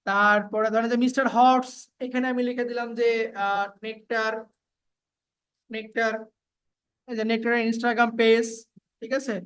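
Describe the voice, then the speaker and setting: A woman giving a casual, step-by-step software tutorial, with frequent fillers and repeats. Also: fairly high pitch, level tone, a little slow, pauses often, clear, resonant tone. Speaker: video editing tutor. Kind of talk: screen-recorded software tutorial.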